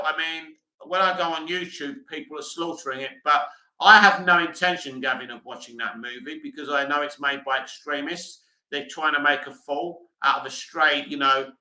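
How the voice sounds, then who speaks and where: A man's voice: fairly high pitch, bright, forceful tone. Blunt opinionated man, echoey room. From England. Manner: blunt, opinionated, reads viewer comments aloud. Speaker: livestream host reading chat. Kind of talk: casual livestream chat.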